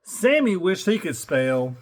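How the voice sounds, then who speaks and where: An older man reads a children's picture book aloud in a playful, theatrical style, stretching out words and slipping in wry, muttered asides. His voice is high with big pitch swings and a slow pace, and there is a little hiss or hum in the audio.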